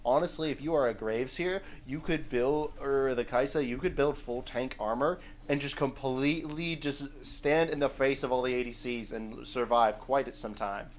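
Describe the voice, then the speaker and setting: A man casting a live esports match play-by-play, excitable and rising to shouts on big plays. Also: mid-range voice, normal speed, few pauses, a little hiss or hum.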